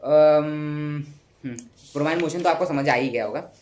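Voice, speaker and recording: A young man teaches a science lesson in a loose, talkative way. His voice sits a little high, and he often repeats words, stumbles over terms and corrects himself. He acts out sounds to make his points. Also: a little slow, darkish tone. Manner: chatty, repeats words, self-corrects, uses sound effects. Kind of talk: casual classroom explanation.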